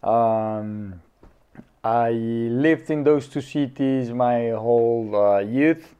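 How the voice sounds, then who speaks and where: Guest, male, 30s, from Colombia; slow, halting, mellow, smooth voice on a dull recording. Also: medium pitch. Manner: hesitant, many fillers. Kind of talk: casual interview.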